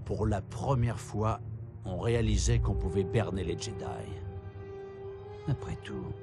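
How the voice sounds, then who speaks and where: An actor playing a weary adult male clone soldier, narrating a game cutscene gravely. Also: lowish voice, lively intonation, unhurried. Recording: game cutscene under very loud music.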